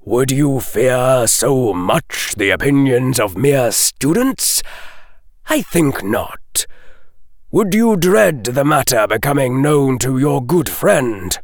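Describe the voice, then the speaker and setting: A man's voice: medium pitch, lively intonation, slow pace, no room sound, clean studio sound, pitched above the performer's own voice. A man voicing a sardonic, condescending defense professor in an audiobook, with mocking, theatrically articulate delivery. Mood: probing, taunting. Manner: mocking, drawling, sharply emphatic.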